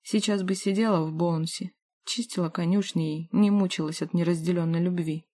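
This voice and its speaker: A woman narrating a first-person novel as an audiobook, expressive and voicing the heroine's dialogue. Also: on the low side, moderate pace, no echo, studio quality.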